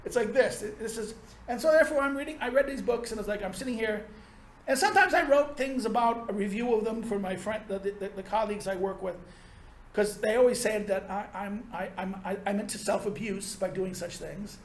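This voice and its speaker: A male university lecturer with a fairly high voice talks through a classroom lecture in a rambling, sardonic way, often restarting his sentences. The sound carries the echo of a roomy lecture hall. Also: a little fast.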